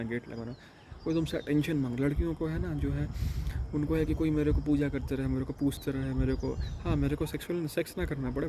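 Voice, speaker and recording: A man who teaches yoga courses, talking in a rambling casual monologue and retelling phone calls in quick quoted bits. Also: medium pitch, noisy background.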